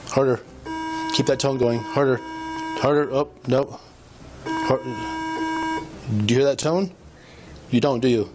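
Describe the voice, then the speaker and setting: Speaking slowly with long pauses, a middle-aged male officer guides someone through a breath test using short commands he keeps repeating. His pitch is medium, and the bodycam audio sits under loud music.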